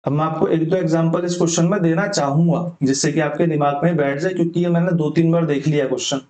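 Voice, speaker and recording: A man's voice: fairly high pitch, steady tone, quick pace, a little mellow, reverberant. A young man teaching an exam-prep maths lesson step by step, mixing English terms into his talk and often checking in with his students. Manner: explains step by step, mixes English terms into Hindi.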